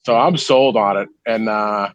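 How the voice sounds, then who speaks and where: A man's voice: on the low side, unhurried, no room sound, dull audio. A man co-hosting a podcast, telling about his grow in a blunt, laid-back way with plenty of swearing. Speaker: podcast co-host. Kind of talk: casual chat.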